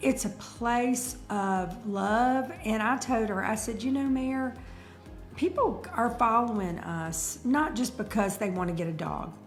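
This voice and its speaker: Co-hosting a relaxed breeder's live chat, a middle-aged woman tells stories emphatically and with animation. She speaks unhurriedly in a higher-pitched voice, and faint music can be heard behind her.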